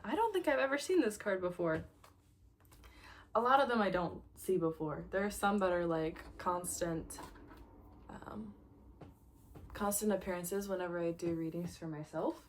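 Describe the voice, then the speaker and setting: A woman giving a casual tarot reading to camera, gentle and reflective, laughing lightly and sometimes dropping to a soft near-whisper. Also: medium pitch, animated, normal speed, pauses often. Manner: laughs lightly between thoughts. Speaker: tarot reader.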